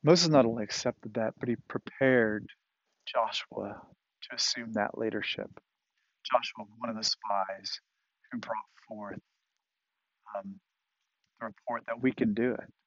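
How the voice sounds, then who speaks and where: A man's voice: mid-range voice, vocal fry, breathy edge, no echo, lo-fi sound. A man preaching a sermon in a conversational way, with fillers and emphatic repetition. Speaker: pastor.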